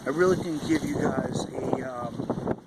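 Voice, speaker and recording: Male vlogger, mid-pitched, rambling casual talk, recorded outside with clear wind noise over a handheld camera. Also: measured pace. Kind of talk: casual vlog chat to camera. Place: outdoors in the cold wind. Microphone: handheld camera at arm's length. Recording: windy outdoor recording, loud wind noise. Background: howling wind noise.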